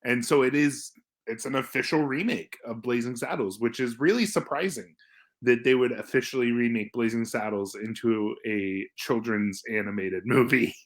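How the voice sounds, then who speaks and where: A man talking casually as a film reviewer, halting and repeating words as he thinks aloud. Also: mid-range voice.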